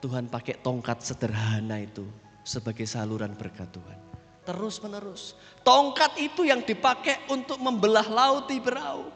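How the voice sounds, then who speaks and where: Man, Javanese accent, pastor, impassioned sermon, very high voice, church hall reverb. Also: normal speed, a bit bright, faint music behind. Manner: impassioned, exhortative, frequent audience address. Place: church sanctuary.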